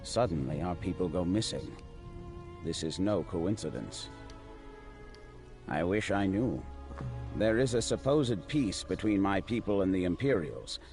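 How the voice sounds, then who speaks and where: Deep, stern, distrustful lizard-man. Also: a little mellow. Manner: formal, accusing. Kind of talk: fantasy video game dialogue. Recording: music playing behind.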